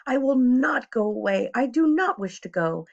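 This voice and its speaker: Woman acting boastful trickster tomcat, children's storybook, coaxing, swooping animated pitch, slightly muffled recording. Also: moderate pace. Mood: reassuring, breezy. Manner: showy, coaxing, emphatic. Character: boastful, playful male trickster cat in a hat. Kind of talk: children's storybook read-aloud.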